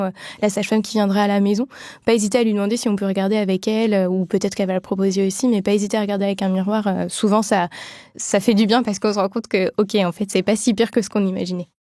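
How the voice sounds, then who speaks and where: A woman's voice: mid-range voice, mellow, no echo, studio quality. A woman midwife explaining things in a podcast interview, with many fillers and restarts.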